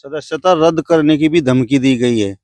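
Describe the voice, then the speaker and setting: A man's voice: medium pitch, moderate pace, darkish tone, no echo. A male news reporter conducting street interviews, asking pointed, leading questions.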